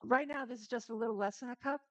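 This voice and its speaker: Hosting a relaxed live cooking stream, a woman with a slightly high voice talks directly to her viewers while she works, chatting freely, laughing easily and speaking fast. The sound is close and dry with no room echo, though the high frequencies are cut off.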